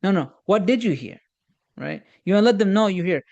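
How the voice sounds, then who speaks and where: A man giving an informal workshop lecture on communication, speaking haltingly with many repeated starts and fillers, acting out sample dialogue and using Islamic religious phrases. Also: sits high, animated, vocal fry, a little mellow, highs cut off. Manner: uses Islamic religious phrases and Arabic quotes. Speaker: instructor on communication.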